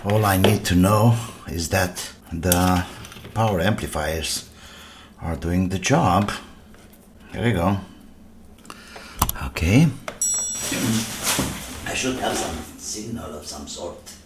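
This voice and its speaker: The repair video host's voice sits low, and he takes it slowly with frequent pauses. He chats to himself at an indoor workbench in short bursts, posing questions and then answering them, while the clatter of the bench is clearly heard.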